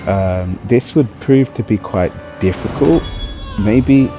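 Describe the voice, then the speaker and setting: A man with a low voice talks through gameplay in a casual, explanatory style. He chats conversationally as he breaks things down, with music playing clearly behind him. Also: lively intonation, unhurried. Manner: explanatory and conversational, often tagging on "you know". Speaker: gaming video commentator. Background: music under the voice.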